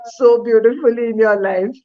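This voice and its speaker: A woman's voice: a little high, moderate pace. Woman, interview host, friendly and coaxing, muffled lo-fi recording. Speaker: host, life coach. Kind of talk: casual interview chat. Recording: dull lo-fi sound.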